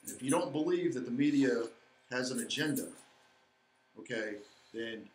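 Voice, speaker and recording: A man's voice: mid-range voice, moderate pace. A man co-hosting a local civic live stream, talking earnestly to viewers with hesitant fillers and a frequent "okay?". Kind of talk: casual talk, addressing viewers. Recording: echoey room with faint background noise.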